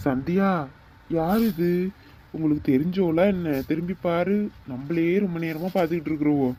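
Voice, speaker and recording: A man's voice: a little high, moderate pace, dark tone, slight background noise, close to an everyday voice, poor audio. A man playing a coaxing young boyfriend. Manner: coaxing, reassuring.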